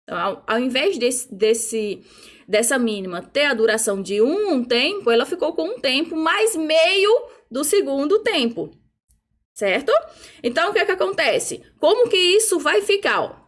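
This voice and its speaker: Brief: female music teacher, high bright pitch, patient, step-by-step explainer, chants rhythm syllables. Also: animated, normal speed. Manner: patient explaining, frequent "ó" and "tá?" checks. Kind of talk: online music theory lesson.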